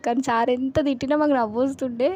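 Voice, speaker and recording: Woman, slightly high voice, giggly, casual vlog storytelling. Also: fairly even intonation, fast talker, darkish tone, rough recording. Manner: giggly, laughing while recalling. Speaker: vlogger.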